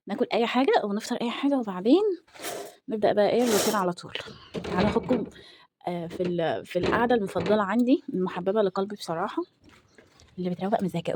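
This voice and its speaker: A woman's voice: mid-range voice, slight background noise. A young woman with an Egyptian accent chatting casually in a home vlog, exasperated and self-deprecating. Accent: Egyptian Arabic. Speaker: home vlogger.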